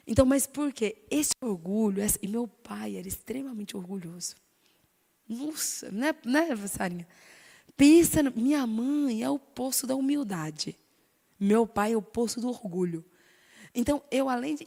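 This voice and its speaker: A woman with a Brazilian Portuguese accent giving an animated, emphatic talk on stage, sharing her own story. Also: medium pitch. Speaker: speaker sharing testimony. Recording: long hall reverb.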